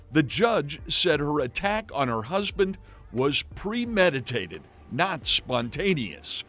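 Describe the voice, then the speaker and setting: Measured male news reporter. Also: fairly high pitch, a bit bright. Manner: measured broadcast delivery. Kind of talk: scripted news narration.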